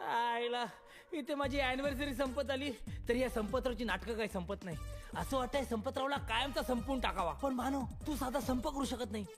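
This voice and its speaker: A grumbling frustrated husband. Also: male voice, very high voice, brisk, over music. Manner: grumbling asides to himself. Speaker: husband in a film. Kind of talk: comic film acting.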